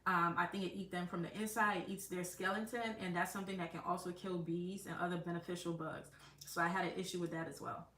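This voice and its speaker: A chatty woman hosts a gardening livestream, rambling through tips with frequent fillers and restarts. Her voice is bright and forceful, sitting fairly low for a woman. She sounds a bit distant from the mic in a roomy, echoing space. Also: little pitch movement, fast, slight background noise. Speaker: gardening channel host. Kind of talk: casual live-stream chat.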